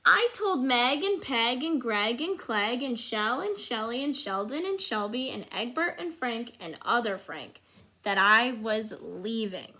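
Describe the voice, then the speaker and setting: Woman reading as an earnest storybook egg, very deliberate. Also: fairly high pitch, expressive, bright, forceful tone, full character voice. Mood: fed up. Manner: earnest, dramatic, drawn-out emphasis. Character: dutiful, overburdened male good egg telling his story.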